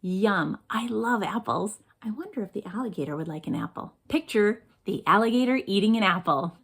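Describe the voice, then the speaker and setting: A woman teacher speaking gently and in a sing-song way to young children during a lesson. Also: medium pitch, expressive, creaky, breathy edge. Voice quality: slow, gentle and sing-song, addressing kids.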